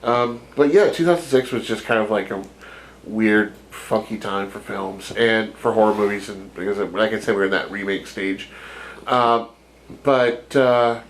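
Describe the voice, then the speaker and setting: Podcast co-host, male, lowish voice, loose rambling delivery with laughs. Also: a little slow, slight background noise, rough recording. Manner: rambling, filler-heavy retelling; laughs while talking, jokey impressions. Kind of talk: casual chat.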